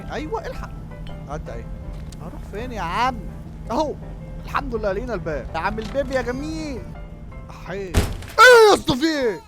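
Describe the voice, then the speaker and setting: A man with an Egyptian Arabic accent giving jokey, excitable commentary on a horror game, yelping when startled. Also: high voice. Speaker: gaming YouTuber. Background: game music.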